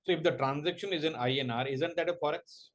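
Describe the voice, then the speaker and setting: A man giving a law coaching lecture, quizzing students and slowly dictating points word by word. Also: on the high side. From India. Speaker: professor.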